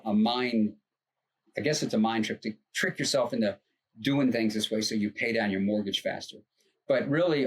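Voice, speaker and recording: This American podcast co-host, a financial advisor, has a fairly low voice with a breathy edge. In casual chat he discusses money earnestly and lengthily, rambling along with fillers and repeated restarts.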